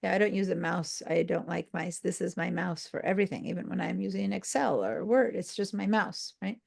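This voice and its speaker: A woman teaching a design software class over a video call, tired and a little scattered. Her voice is heavily gravelly, and she rambles with lots of fillers and restarts as she explains. She sounds like she is talking into a computer mic. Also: lowish voice, fairly quick. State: sleep-deprived and tired. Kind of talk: live online class.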